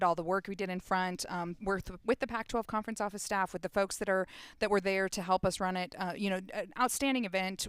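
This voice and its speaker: A woman's voice: mid-range voice, clear, resonant tone, dry recording. A middle-aged woman, a compliance officer, chatting casually as a guest on a sports radio show and laughing at her own slips. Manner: quick, chatty, laughs at herself.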